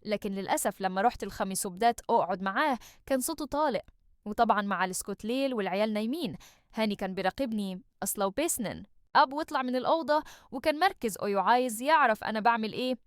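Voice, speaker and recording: A woman's voice: on the high side, smooth, dry recording, studio quality. A woman with an Egyptian accent narrating a tense first-person confessional story. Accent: Egyptian Arabic.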